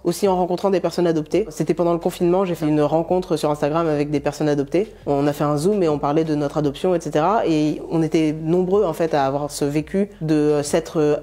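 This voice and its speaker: A young woman from France giving a candid personal testimony in an interview, speaking reflectively and hesitantly with frequent pauses and fillers. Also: low-pitched, warm tone. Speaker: musician interviewee.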